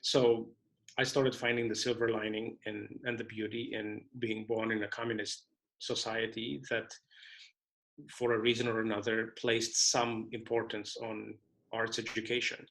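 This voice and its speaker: A man's voice: on the low side, flat delivery, a little slow, gravelly, a bit bright, low-quality recording. A man in his forties from Romania, with Romanian as his first language, talking in a thoughtful, hesitant way as a guest in an interview. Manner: thoughtful, hesitant with many fillers. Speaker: guest conductor. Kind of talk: casual interview conversation.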